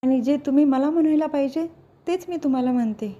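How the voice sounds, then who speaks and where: A woman's voice: sits high, quick pace, dark tone, lo-fi sound, natural voice. A woman voicing a young woman doctor who speaks in an earnest, pleading way, read within a serial recap.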